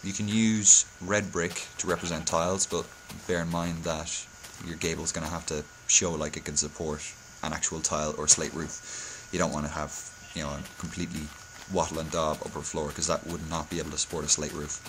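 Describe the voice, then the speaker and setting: A man's voice: very deep voice, flat delivery, a little fast, few pauses, noisy background. A hungover man giving a casual game-building tutorial, speaking hesitantly and often correcting himself. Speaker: video tutorial host.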